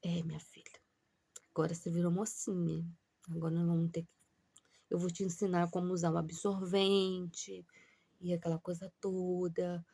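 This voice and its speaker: A careful, gentle mother speaks softly and with delicacy, as her daughter puts her on. The voice is a little gravelly and sounds close and dry, with no room around it. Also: fairly low pitch, level tone, normal speed, no echo, pitched below the performer's own voice. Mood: gentle, serious. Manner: soft, hushed, delicate delivery.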